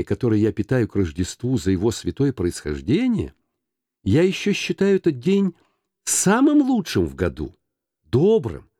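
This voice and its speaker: A man's voice: mid-range voice, dark tone, no room sound. A man voicing a cheerful, earnest young man who pleads eagerly with his uncle, in a dry audiobook reading.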